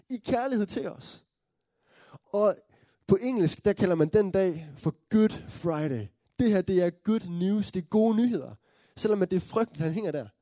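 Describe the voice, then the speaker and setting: High-voiced man preaching with warm fervor. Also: no room sound, studio quality. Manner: earnest storytelling, tag questions, rising to joyful excitement. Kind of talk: sermon.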